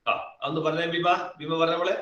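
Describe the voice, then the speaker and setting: A male physics teacher leads a live online class, calling on students by name and repeating key phrases again and again. His voice is bright and fairly high. He sits well back from the mic in an echoey room. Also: fairly even intonation, quick pace, recorded from a distance, dull audio. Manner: calls on students by name and coaxes answers.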